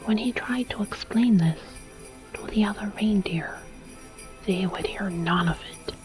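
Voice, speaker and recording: A woman telling a scripted story as gentle, deliberate whispered ASMR narration. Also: medium pitch, faint music behind, rough recording.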